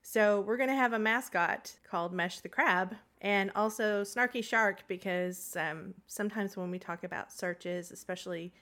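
A woman co-hosting a podcast in casual chat, quirky and chatty and quick to laugh. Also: medium pitch, fairly bright tone. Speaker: podcast co-host.

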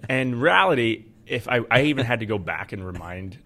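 A man's voice: mid-range voice, lively intonation, a little fast, pushed and bright. A man co-hosting a podcast, talking casually about finance as an investment adviser.

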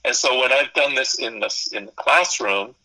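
In a radio interview, a psychology professor and consultant whose first language is Spanish lays out ideas thoughtfully, listing points and self-correcting as he goes. His voice is medium-pitched with a sharp tone and a normal pace, captured on poor audio.

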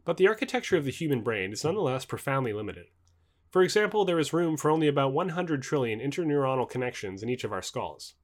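In scripted, audiobook-style narration, a male reader works through formal non-fiction text. He speaks quickly with a lively, shifting pitch, yet keeps each phrase crisp and clear.

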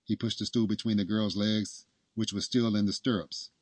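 Husky man narrating a story. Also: on the low side, level tone, no room sound. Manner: measured, storytelling. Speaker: host and narrator.

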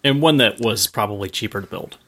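A man guesting on a casual tech podcast, low-key with wry, dry asides. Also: brisk, pushed and bright.

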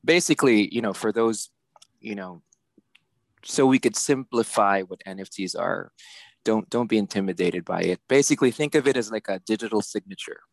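A man's voice: fairly low pitch, normal speed, vocal fry, no room sound. A middle-aged man from the Philippines, a guest artist, explaining things in a chatty way with many fillers. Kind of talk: casual interview.

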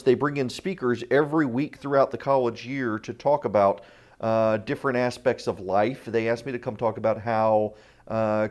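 A man's voice: mid-range voice, a little mellow. Echoey man hosting talk radio. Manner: opinionated, informal, with dry joking asides. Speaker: radio talk show host. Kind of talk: conversational radio commentary. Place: indoor room at a college without sound paneling. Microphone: lavalier. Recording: echoey untreated room.

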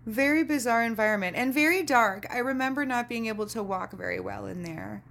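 A woman hosting a podcast, telling a story in a casual monologue, sardonic and animated, who laughs often and swears freely. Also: a little high, a little fast. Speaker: podcast host.

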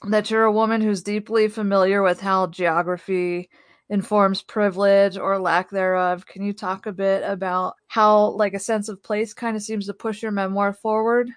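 Female podcast host, mid pitch, dead-dry close recording, attentive interviewer. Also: little pitch movement, moderate pace, no echo. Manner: attentive, with brief affirming "mm"s. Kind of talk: interview questions.

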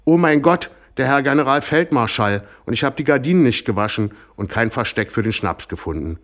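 A man's voice: normal speed, lightly acted. A man voicing a strict, hysterical housewife mother who scolds and shrieks. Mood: panicked. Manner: scolding, shrill.

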